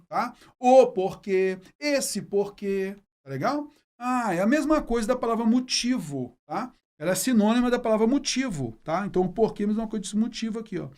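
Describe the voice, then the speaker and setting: A man talks through a grammar lesson as a casual, folksy teacher. His pitch swings all over the place, rising and dipping on almost every phrase. He keeps checking in with the viewer as he goes. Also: a little mellow. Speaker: Portuguese teacher.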